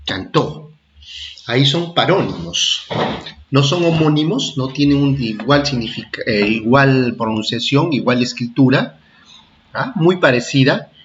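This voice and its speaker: Highs are cut off and there's slight background noise as this expressive, medium-pitched man gives a primary school lesson. Slow and repetitive, he keeps confirming the children are with him, tossing in "¿ah?" and "¿de acuerdo?"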